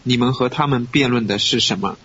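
Male scripture reader, steady and measured, on a dull recording with faint hiss. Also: medium pitch. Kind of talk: reading scripture aloud.

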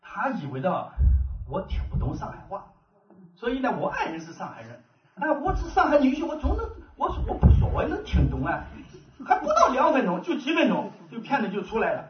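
A man's voice: extremely high pitch, wildly swooping pitch, brisk. A man giving a testimony sermon, telling his story with animation and frequent laughter. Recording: dull, echoey, from far off.

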